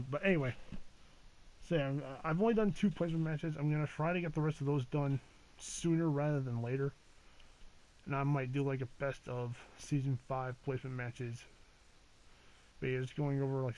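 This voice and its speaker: A man's voice: mid-range voice, darkish tone, low-quality recording. A man giving a casual channel update as a gaming YouTuber, rambling and hesitant with many fillers, restarts and casual swearing.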